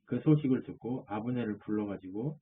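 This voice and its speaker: A man's voice: lowish voice, lively intonation, a little fast, a little hiss or hum. A man preaching a sermon as a pastor, asking his listeners questions and answering them himself. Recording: tinny phone-like audio.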